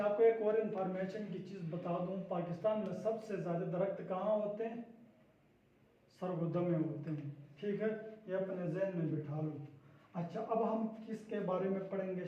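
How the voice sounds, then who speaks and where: High-voiced male teacher in an echoey classroom. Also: normal speed, dark tone. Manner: drills the class with repeated questions and echoes their answers. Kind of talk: classroom lesson. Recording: echoey, distant, dull lo-fi room sound.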